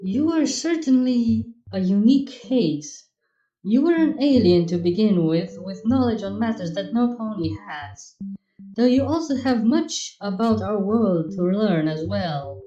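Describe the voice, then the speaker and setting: A woman voicing a regal, ancient pony princess in a story reading, measured and formal. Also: medium pitch, lively intonation, mellow, echoey room, far from the mic, lightly acted. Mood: composed. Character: regal thousand-year-old pony princess, composed and proud. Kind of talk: fan fiction character reading. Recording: dull, muffled sound under music.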